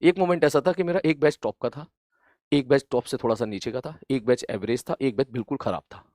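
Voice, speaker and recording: Male coaching teacher, motivational lecture, earnest and gently scolding, repeats for emphasis, grows loud when urging, dry close sound. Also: medium pitch, a little fast, dry recording. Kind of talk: motivational talk to students.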